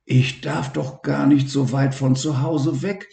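Man putting on a high little boy voice, timid and worried, storybook, echoey room. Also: fairly even intonation, a little slow, gravelly, dark tone. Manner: raised childlike pitch, anxious. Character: young boy, gentle and worried.

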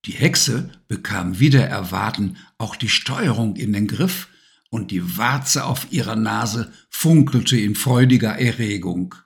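A man reading a children's storybook aloud, calm and measured. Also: lowish voice, creaky. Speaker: narrator.

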